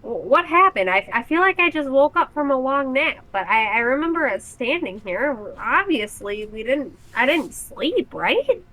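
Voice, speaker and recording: Woman playing a confused young male adventurer, stammers and asks questions, a bit higher than her usual voice. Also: very animated, normal speed, few pauses, bright, forceful tone, heavily acted, poor audio.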